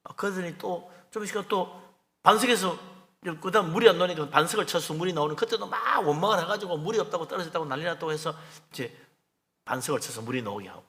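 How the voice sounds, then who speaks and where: A man's voice: a little high, fast talker, a bit bright, long reverb tail. A male pastor preaching a midweek Bible sermon in a conversational way, acting out the lines he quotes. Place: church sanctuary.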